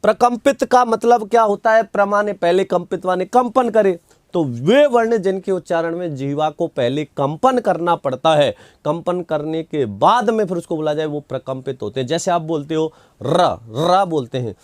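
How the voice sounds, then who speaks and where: A man teaches an online grammar class in a fairly high voice. He asks questions and answers them himself, and he repeats key terms and reads out viewer comments as he goes. The sound is dry and close. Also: lively intonation, normal speed, no room sound.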